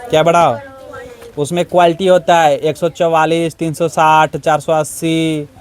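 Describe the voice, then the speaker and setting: Leading a call-and-response classroom lesson, a male teacher speaks a little slowly in a fairly high voice with little pitch movement. He repeatedly fires questions at his students for them to answer, with class chatter and their replies in the background.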